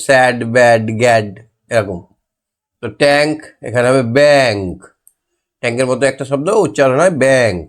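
Patient man spelling words for children. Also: mid-range voice. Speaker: primary school teacher. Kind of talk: homework lesson for young children.

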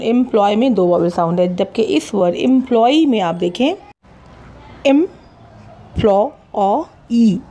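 A woman teaching an English lesson in a mellow, relaxed voice. She talks at an even pitch and stretches out each example word slowly so every sound is clear. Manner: slow, drawn-out pronunciation of example words. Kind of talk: explaining a lesson in Hindi and English.

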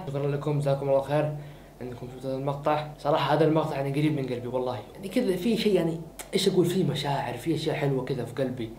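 A young man hosts his vlog in a rush of eager, repetitive talk. His voice is fairly high and very fast, recorded on a camera mic in an echoey small room with a faint hiss underneath. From born in Mecca, Saudi Arabia. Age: young adult. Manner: rapid, excited, repeating himself for emphasis. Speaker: vlogger host. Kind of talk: casual chat to camera. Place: small indoor room with gaming desk.

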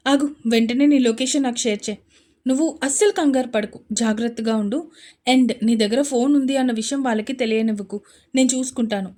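A woman's voice: on the high side, lively intonation, normal speed, natural voice. A woman voicing a protective young man, urgent and commanding as he takes charge.

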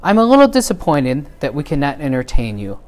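A man's voice: a little high, wildly swooping pitch, brisk, darkish tone. Johnny Town-Mouse, genteel host voiced by a man. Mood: polite. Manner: courteous, genteel. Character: polite, well-mannered male town mouse host.

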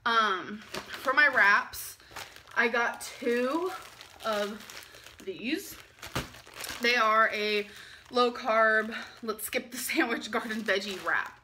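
Late at night in her home kitchen, a vlogger in her twenties chats through a grocery haul, tired and giggly, talking as she unpacks items. Her voice is fairly high, bright and forceful, and she speaks slowly with frequent pauses. Slight background noise is audible.

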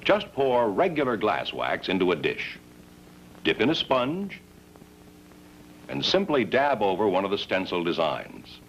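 A man announcing a cheerful 1950s TV commercial voice-over with an upbeat sales pitch, heard through old broadcast sound. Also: huge pitch swings, a little slow, creaky, long pauses. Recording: dull lo-fi old TV audio with faint hum.

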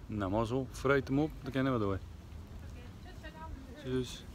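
A man in his forties vlogging casually as he walks around outdoors, chatting relaxed into a phone held at arm's length. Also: medium pitch, a little slow. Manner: chatty, relaxed running commentary. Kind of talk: casual walk-and-talk vlog. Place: outdoors at a campervan fair. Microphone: phone camera at arm's length. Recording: noisy outdoor phone recording. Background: outdoor ambience and vehicles.

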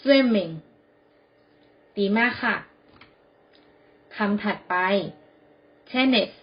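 A woman teaching children English vocabulary, saying each word clearly and spelling it out letter by letter. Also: a little high, very slow, muffled recording. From Thailand. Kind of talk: slow classroom vocabulary drill.

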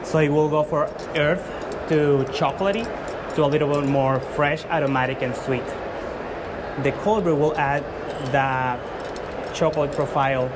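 A man from Guatemala speaks English, earnest and a little halting, leaning on fillers as he explains. His voice sits somewhat high for a man. The sound is picked up from a distance in a large, noisy exhibition hall. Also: fairly even intonation. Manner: earnest, with frequent fillers and restarts. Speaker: competing barista. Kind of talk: competition presentation to judges. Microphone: far camera. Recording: loud hall noise from far off.

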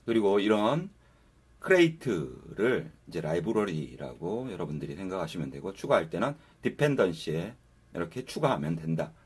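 A man's voice: low voice, sing-song, moderate pace, breathy edge. A man giving a casual, step-by-step coding tutorial over a screen recording, talking viewers through each step. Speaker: programming instructor.

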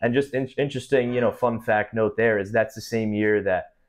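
A man's voice: fairly low pitch, fairly even intonation, a little fast. A young man hosting a podcast interview in a small studio room, asking long, thoughtful questions. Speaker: podcast host. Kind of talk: casual interview.

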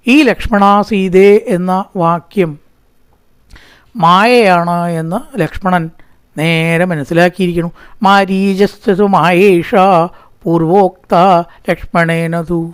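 A man giving a scripture discourse who chants verses slowly, then explains them in quick conversational talk and asks himself rhetorical questions. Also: sits high, clear, resonant tone, dry recording. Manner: asks and answers his own rhetorical questions. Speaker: religious storyteller.

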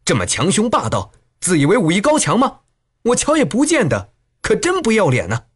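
Male narrator doing a shrill, scolding young woman fighter, audiobook. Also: very animated, a little fast, breathy edge. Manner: sharp, scolding, quarrelsome. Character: fiery young woman swordfighter.

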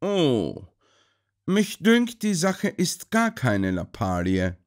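A shrewd, calm detective reasons aloud in measured, thoughtful tones, as a male narrator voices him. His voice sits a little higher and moves lively through each point. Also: exaggerated voice.

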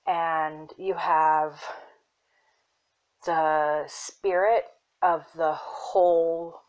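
A young woman casually showing her herb collection, soft-spoken and unhurried, with fillers and self-corrections that sometimes drop into a whisper. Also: low voice, flat delivery, highs cut off. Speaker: apothecary shop owner. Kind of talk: casual show-and-tell.

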